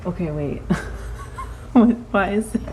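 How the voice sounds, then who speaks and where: A woman's voice: mid-range voice, measured pace, warm tone, a little hiss or hum. A woman off camera reacting with amusement and laughter during a house tour. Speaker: companion off camera. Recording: echoey room, from a distance.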